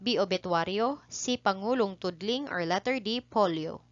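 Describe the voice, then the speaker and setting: A woman's voice: medium pitch, measured pace, no room sound, dull audio. A woman teacher with a Filipino accent reads review quiz questions and answers aloud, repeating each answer twice in a polite tone. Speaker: teacher running an exam review.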